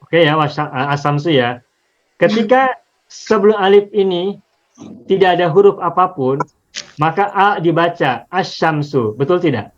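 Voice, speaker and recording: Guy teaching a quran grammar lesson, high voice, kinda dull lo-fi audio, goes over examples again and again. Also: lively intonation, measured pace. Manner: patient, explains step by step, repeats examples. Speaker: Arabic linguistics teacher.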